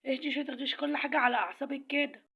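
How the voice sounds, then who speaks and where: A woman voicing a vegetable that pleads with the others to calm down, in a hurried, soothing manner. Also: high-pitched, creaky. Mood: pleading. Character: peacemaking vegetable calming a quarrel. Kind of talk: comic voice filter skit. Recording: lo-fi dull filtered sound.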